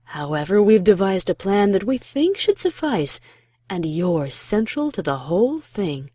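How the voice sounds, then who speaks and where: Mellow, regal pony princess acted by a woman. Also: medium pitch, very animated, a little slow, slightly rough. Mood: sly, casual. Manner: nonchalant, casual, composed. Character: regal older pony princess, benevolent, breezily nonchalant and sly. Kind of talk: fan fiction audio drama acting.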